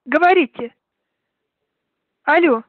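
A woman's voice: high-pitched, slow pace. A woman speaking over the phone, asking questions as she answers a call. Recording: tinny phone line with noise.

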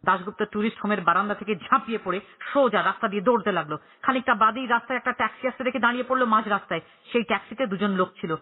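A man narrating an audiobook in a dramatic storytelling way, voicing characters with excited rises in pitch. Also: rapid-fire, few pauses, slight background noise. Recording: tinny phone-like audio.

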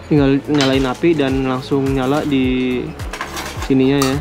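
A man casually unboxing and reviewing camping gear at a table indoors, talking in a relaxed, hesitant way with small laughs. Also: mid-range voice, a little slow. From Indonesia. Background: music.

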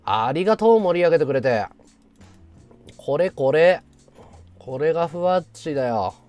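A man in his thirties hosting a casual livestream, thanking viewers in excitable, loud bursts. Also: a little high, normal speed, no room sound, soft background music. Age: 30s. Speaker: livestream host.

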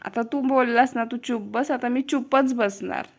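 Young woman, family vlog host, casual chat, slightly high voice, teasing, quick to laugh. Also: a little hiss or hum. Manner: playful, teasing, laughs often. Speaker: vlogger, mother.

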